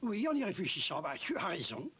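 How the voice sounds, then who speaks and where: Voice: mid-range voice, huge pitch swings, a little fast, fairly bright tone, breathy edge, exaggerated voice. A performer voicing a kind, poor old woodcarver father who fusses and exclaims tenderly, in a children's audio story. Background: music.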